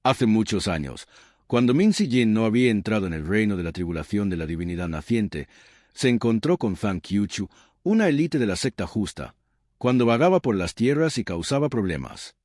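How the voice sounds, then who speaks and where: A man narrates a scripted story recap with a low voice that rises and falls a lot. His delivery is measured and dramatic. The sound is dry and close to the mic. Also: big pitch swings, darkish tone, no echo.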